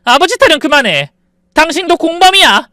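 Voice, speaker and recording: Story narration: furious young wife, played by a man, icy then shouting, high, lively pitch, dry close sound. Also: normal speed, dry recording. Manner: cold and cutting, rising to shouts. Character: furious young wife confronting deceitful in-laws.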